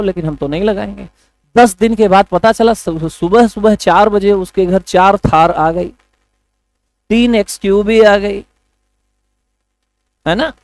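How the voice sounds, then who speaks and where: A man's voice: high voice, darkish tone, no room sound, poor audio. A man teaching an online exam coaching class, chatty and joking, talking to his students as kids and brothers. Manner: chatty, joking, addresses students as beta and bhaiya.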